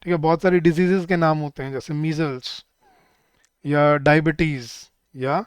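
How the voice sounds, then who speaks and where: A man's voice: on the high side, fairly even intonation, measured pace, smooth, no echo, studio quality. Man teaching grammar. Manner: lists word pairs, quizzes students, calls them guys. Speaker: English teacher. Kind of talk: online exam-prep grammar lesson.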